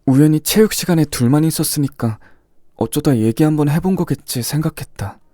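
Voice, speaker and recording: A man voicing a shy, quiet teenage schoolboy in an audio drama, speaking hesitantly with stammers. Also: fairly high pitch, brisk, dry recording, studio quality, natural voice. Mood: reflective. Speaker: narrator and lead.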